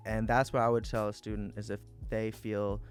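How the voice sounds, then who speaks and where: A man in his twenties, a school board candidate answering interview questions in an earnest, measured, policy-minded way. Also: on the low side, level tone, soft background music. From Atlanta, Georgia. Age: 20s.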